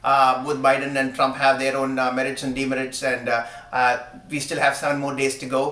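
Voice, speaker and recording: A man, a project manager, giving a measured, analytical view in an interview. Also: mid-range voice, completely flat delivery, pushed and bright, echoey room.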